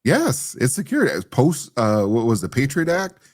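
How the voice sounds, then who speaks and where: A man's voice: mid-range voice, wildly swooping pitch, normal speed, dry recording, studio quality. A man giving casual, opinionated commentary as a co-host, slangy and rambling, often repeating his phrases. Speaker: talk show co-host.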